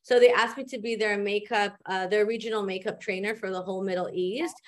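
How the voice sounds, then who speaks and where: Relaxed woman podcast guest from Canada. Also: mid-range voice, brisk. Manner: relaxed, lots of fillers. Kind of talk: casual interview storytelling.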